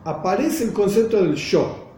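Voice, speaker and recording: Argentine man, teacher, explains hebrew texts in class, high voice, mellow tone, echoey room. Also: expressive, a little slow. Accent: Argentine Spanish. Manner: reads Hebrew phrases then explains them, checks on the students.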